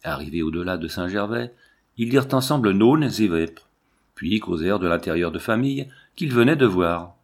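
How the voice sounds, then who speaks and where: A man reading a classic novel aloud as an audiobook narrator, in a measured, even storytelling delivery. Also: deep voice. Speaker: audiobook reader.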